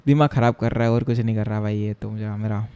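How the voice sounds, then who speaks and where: A man's voice: fairly low pitch, mellow, clear, resonant tone. A young man from Chennai chatting casually on a coding live stream, joking with viewers and mixing Hindi with English tech terms. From Chennai, India. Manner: chatty and joking, reading viewer chat aloud and answering it.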